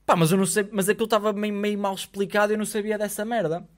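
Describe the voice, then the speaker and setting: A man in his thirties with a European Portuguese accent, co-hosting a casual podcast and telling animated stories, acting out the dialogue and swearing freely, on a studio mic. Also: sits high, racing. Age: 30s. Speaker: podcast co-host. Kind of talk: casual chat. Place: studio with blue lighting, indoors. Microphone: studio mic on arm.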